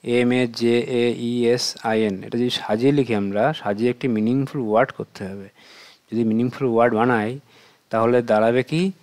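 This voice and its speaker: Male tutor, Bengali accent, mid-pitched voice, patient question-and-answer delivery for young students. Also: fairly even intonation, normal speed, a little mellow. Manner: patient, asks and answers his own questions. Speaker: teacher. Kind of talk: exam question walkthrough for children.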